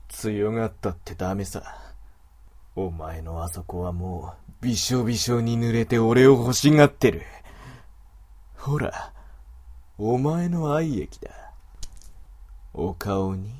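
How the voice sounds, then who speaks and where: A man voicing a domineering, mocking male wolf creature in an adult audio drama, with rough, commanding speech. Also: fairly low pitch, slow pace, long pauses, a little mellow. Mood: leering, commanding.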